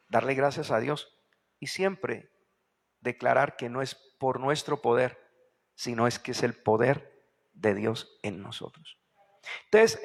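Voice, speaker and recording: A man's voice: medium pitch, vocal fry, in a large hall. A male pastor preaching a sermon, peppering it with rhetorical questions to the congregation and repeating key phrases for emphasis.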